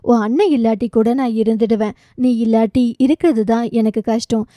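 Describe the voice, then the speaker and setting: A cheeky young woman in an audiobook romance throws out playful, affectionate banter, voiced by a woman reader. Her voice is dark and mellow yet pitched a little high, close to the mic in a dry sound. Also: steady tone, moderate pace, no room sound, close to an everyday voice. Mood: teasing.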